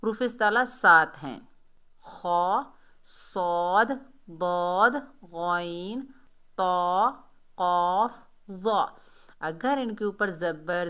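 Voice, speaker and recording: A woman teaching Quran recitation, explaining the rules letter by letter in a slow step-by-step lesson and chanting the verses slowly. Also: fairly low pitch, bright, forceful tone.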